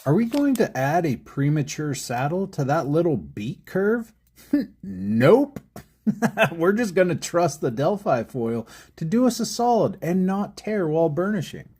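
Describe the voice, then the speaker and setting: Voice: medium pitch, big pitch swings, normal speed, a little mellow, husky. A stained glass artist hosting a craft tutorial in voice-over, playful and jokey, with puns and frequent chuckles.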